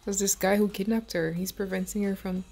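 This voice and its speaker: A woman's voice: medium pitch, level tone, brisk, darkish tone, soft background music. A woman gaming YouTuber giving chatty, giggly let's-play commentary, bossing her characters around.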